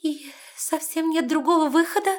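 A woman voicing a fierce, desperate young fairy woman who shouts her commands in a frantic voice. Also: high voice, steady tone, moderate pace, pitched above the performer's own voice, natural voice. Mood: furious, desperate.

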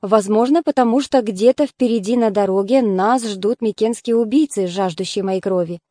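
A woman reading the lines of a calm, commanding young male hero in an audiobook. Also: mid-range voice, moderate pace, dry recording, studio quality, close to an everyday voice. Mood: firm.

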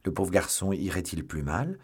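A man's voice: sits low, big pitch swings, normal speed, a little mellow, husky, full character voice. A man voicing a bold, impatient young male swordsman who speaks eagerly and ironically. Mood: eager, surprised.

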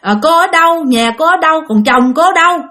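A woman's voice: extremely high pitch, expressive, fairly quick, pushed and bright, voice pushed up, full character voice. A woman voicing an older man who knows Buddhist rites, coaxing and questioning.

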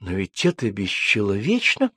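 A man voices an indignant, skeptical young woman, raising his pitch above his own voice while staying close to an everyday sound. The result is medium-pitched and animated at a moderate pace, with no room sound.

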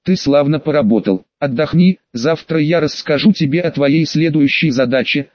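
A man voicing a disfigured male dark lord with an inhuman voice, giving curt, domineering orders. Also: on the high side, normal speed, dry recording, close to an everyday voice. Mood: commanding. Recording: dull lo-fi dry recording.

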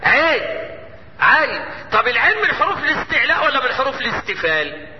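A man with an Egyptian Arabic accent teaching Quran recitation rules, quizzing his students and answering his own questions, and chanting verses slowly. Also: very high voice, big pitch swings. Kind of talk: lesson. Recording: echoey hall, muffled lo-fi, faint hiss.

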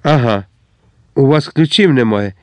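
A man reading aloud voices a furious, arrogant nobleman cavalry officer who shouts threats and commands. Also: medium pitch, lively intonation, a little slow, no room sound, close to an everyday voice.

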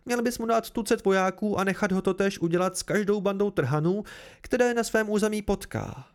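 A fierce, haughty noblewoman, put on by a man reading an amateur audiobook snaps out her words. The voice sits somewhat high with a gravelly edge. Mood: indignant. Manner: sharp, indignant outbursts.

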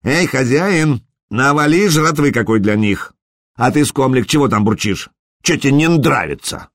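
A man voicing a bossy male mercenary leader who gives rough, brash orders. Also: medium pitch, lively intonation, normal speed, no room sound, studio quality, close to an everyday voice.

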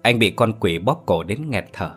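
A man narrating a horror story in a steady, dramatic way. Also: lowish voice, normal speed, husky, soft background music.

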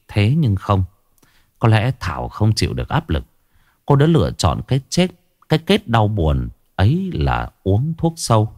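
A man's voice: lowish voice, dry recording, studio quality. Dramatic man telling a ghost story. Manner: dramatic storytelling, acts out every voice. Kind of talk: scripted horror story narration. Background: faint music.

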